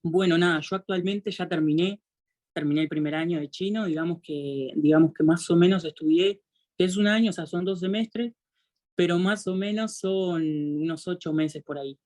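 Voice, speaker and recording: A young man with a Uruguayan Spanish accent speaks in a relaxed, chatty way, padding his sentences with easy fillers. He talks like a student sharing his experience in an informal online session. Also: high-pitched, moderate pace. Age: 20s. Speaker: international student. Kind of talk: casual talk in a webinar.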